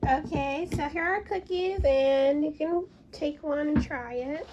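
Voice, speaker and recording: Casual home-kitchen vlogger mom with a high voice, chatty and guiding a child; faint background hiss. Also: female voice, measured pace, lo-fi sound. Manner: chatty, guides a child through baking. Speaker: vlogger and mother. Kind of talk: casual vlog chat.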